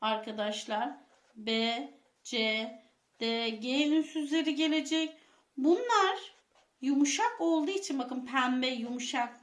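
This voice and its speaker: A woman's voice: high voice, roomy sound. A woman teacher giving a grammar lesson to schoolchildren, asking them questions and repeating the key points. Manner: addresses pupils as friends, repeats key points, asks quiz questions. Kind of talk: classroom lesson for children.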